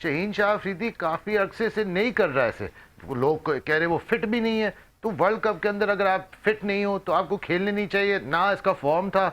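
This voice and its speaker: Former cricketer mixing in English phrases. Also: male voice, sits high, a little fast, a bit bright. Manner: mixes English phrases, restarts and repeats. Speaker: former cricketer and commentator, panelist. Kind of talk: casual analytical panel talk.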